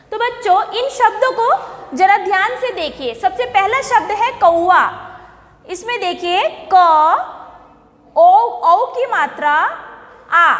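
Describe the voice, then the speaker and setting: A woman's voice: very high-pitched, a bit bright, long reverb tail. A woman teaching a primary school Hindi lesson who asks the class questions, repeats the answers and stretches out words to model pronunciation. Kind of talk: slow, deliberate classroom lesson.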